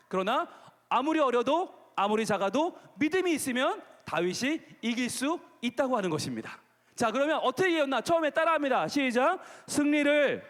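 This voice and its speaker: In a very high, slightly bright voice, a pastor delivers a playful children's sermon in a large gymnasium, repeatedly asking the kids questions. The recording carries the gym hall's long reverb.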